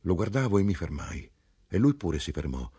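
A man narrating a literary story in a measured, expressive reading voice. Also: sits low, breathy edge.

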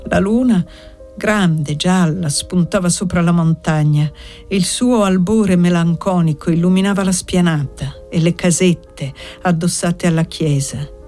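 A woman narrating a novel aloud in a measured, dramatic reading style. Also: lowish voice, dark tone, faint music behind. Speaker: audiobook narrator. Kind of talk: scripted narration.

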